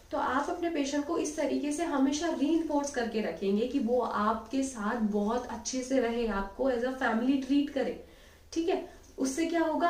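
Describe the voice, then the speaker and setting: A woman's voice: a little high, a little mellow. A woman teacher giving a friendly lecture, mixing English phrases into her speech and acting out quoted examples. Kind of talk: classroom lecture. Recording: echoey room, voice from a distance.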